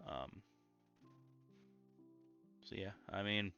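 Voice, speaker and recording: Calm, low-voiced creaky man streaming. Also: drawn-out words. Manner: low-energy, calm and mellow, with frequent ums. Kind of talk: casual gameplay stream chat. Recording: slightly muffled lo-fi audio with faint music.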